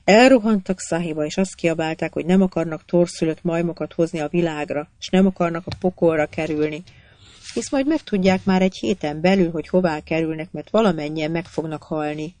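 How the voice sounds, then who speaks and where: A reader voicing a humble desert peasant woman who talks plainly, with calm superiority. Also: mid-range voice, dry recording, close to an everyday voice. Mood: urgent. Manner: plain-spoken, calmly superior. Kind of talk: audiobook character voice.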